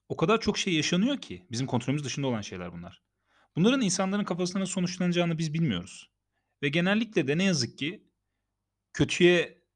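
A man hosting a solo podcast, talking in a calm, conversational way and telling stories, with fillers now and then. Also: on the high side. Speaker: podcast host. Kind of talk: reflective solo podcast talk.

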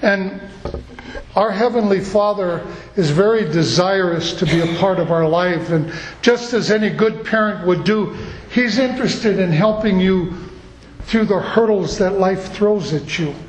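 Man preaching, earnest storyteller, high voice, echoey church hall, faint room hiss. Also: measured pace. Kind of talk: sermon.

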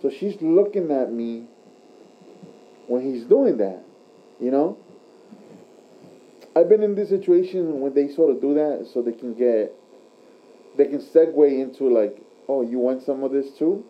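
A man with a mid-pitched voice tells casual stories in crude frat-bro slang, dropping bro constantly. The recording is dull and lo-fi. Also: expressive, unhurried, pauses often. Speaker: tattoo artist telling stories. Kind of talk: casual chat, anecdote telling. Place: tattoo shop.

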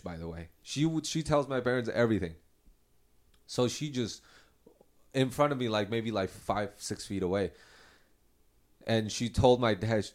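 A host in his thirties with a mid-range voice speaks candidly in a casual personal monologue. He rambles, restarts his sentences, and laughs lightly at his own remarks.

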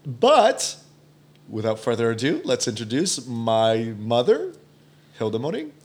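A man's voice: mid-range voice, wildly swooping pitch, measured pace, darkish tone. A young man hosting a podcast, chatting casually and playfully teasing his guest. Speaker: podcast host.

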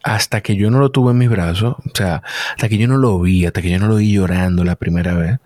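A man in his thirties, a guest in a casual chat, talking in a halting, emotional way and repeating himself. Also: on the low side, darkish tone, no room sound, clean studio sound.

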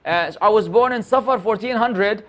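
High-voiced man in his forties, candid chat. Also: normal speed, a bit bright. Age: 40s. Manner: candid, self-deprecating, lots of restarts. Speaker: podcast guest, Islamic preacher. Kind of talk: casual podcast conversation.

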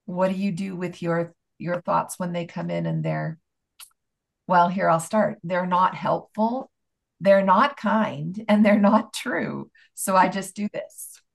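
A middle-aged woman with a low, gravelly voice hosts a relaxed faith-based chat. She talks in an encouraging way and keeps asking guiding questions. Her voice sits a little low and has some fry in it. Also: takes it slowly. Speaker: podcast host and life coach.

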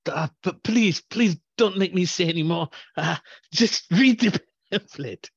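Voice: medium pitch, measured pace, slightly rough. A performer playing a timid, nervous young French intern in an improvised comedy sketch. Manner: timid, pleading. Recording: dull lo-fi sound.

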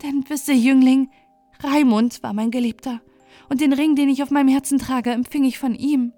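A proud, lovelorn river nymph speaks fervently in a fairy tale audiobook, as a woman reader puts her on. Her voice sits high and rings out loudly in declamation. Faint music plays behind her. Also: steady tone, normal speed, no echo, close to an everyday voice. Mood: impassioned.

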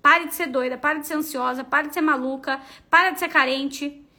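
Brazilian woman podcast host, high and bright, teasing love advice straight to the listener. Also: fairly even intonation, normal speed. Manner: emphatic, teasing, addresses listener directly. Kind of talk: casual advice monologue.

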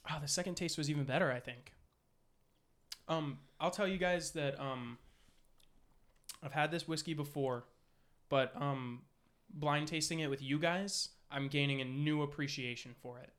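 A man's voice: fairly high pitch, moderate pace, pauses often, fairly bright tone. A man leading a blind whiskey tasting with friends in casual chat, laughing often and poking fun at himself. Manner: chatty, laughs often, self-deprecating.

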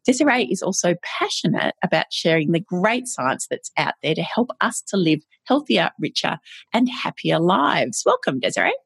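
A woman's voice: fairly low pitch, very animated, normal speed, gravelly, husky, no echo. A woman hosting a podcast interview, asking thoughtful, meandering questions in a conversational way. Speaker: podcast host.

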